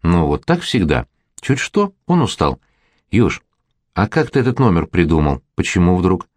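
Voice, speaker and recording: A man voicing a teasing young woman in an audiobook romance, a little higher than his own voice. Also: very animated, moderate pace, a little mellow, no echo. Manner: teasing, playful. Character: young woman, teasing yet tender and anxious.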